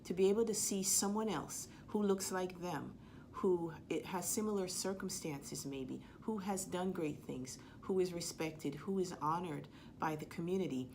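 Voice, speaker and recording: A woman from Jamaica with a Jamaican accent, telling a personal history story in an earnest, measured way with the odd filler. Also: fairly low pitch, a little mellow, slight background noise. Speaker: sport leadership speaker.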